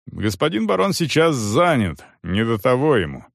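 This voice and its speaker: A man voicing a stern, weary medieval soldier who gives curt, unhurried commands. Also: mid-range voice, big pitch swings, gravelly, dry recording, clean studio sound.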